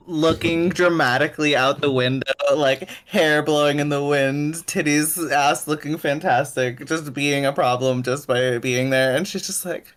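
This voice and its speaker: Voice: medium pitch, fairly even intonation, unhurried, few pauses, fairly bright tone. A player in a tabletop game giving a rambling, amused description full of filler words.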